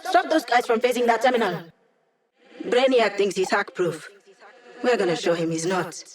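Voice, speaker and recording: A woman's voice: medium pitch, moderate pace, close to an everyday voice. A woman playing an upbeat, wry young female hacker living as data, giving casual, teasing mission support in a video game. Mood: urgent, encouraging. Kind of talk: video game voice lines over comms.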